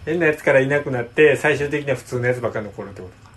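A man's voice: mid-range voice, racing. A man with a Kansai accent, trading teasing retorts in a casual podcast chat. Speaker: podcast co-host.

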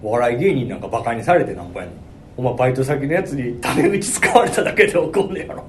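A man with a Kansai accent, co-hosting a web radio show and teasing his partner in quick back-and-forth. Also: medium pitch, animated, a little hiss or hum. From Kansai, Japan. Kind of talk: casual chat.

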